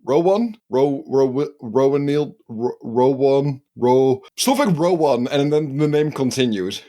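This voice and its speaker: A man's voice: medium pitch, measured pace, dark tone, no echo, clean studio sound. A man on a podcast, chatting enthusiastically and stumbling over words. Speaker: podcast co-host. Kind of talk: casual chat.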